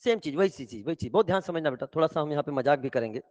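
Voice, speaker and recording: High-voiced male chemistry teacher. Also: rapid-fire. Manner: lively, keeps checking that students follow. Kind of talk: classroom lecture with storytelling. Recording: echoey hall, dull lo-fi sound.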